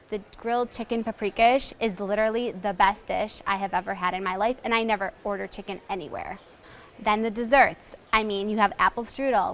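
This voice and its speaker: A woman from Ukraine sitting as a guest reviewer, speaking with measured enthusiasm. Her voice sits mid-range, with a faint hum of room noise behind her. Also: medium pitch, a bit bright. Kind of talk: casual TV discussion.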